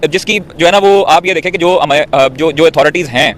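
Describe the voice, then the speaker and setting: A man's voice: on the high side, normal speed, a bit bright, slight background noise. A man debating cricket on a panel, indignant and repetitive, pressing his point hard. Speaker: commentator.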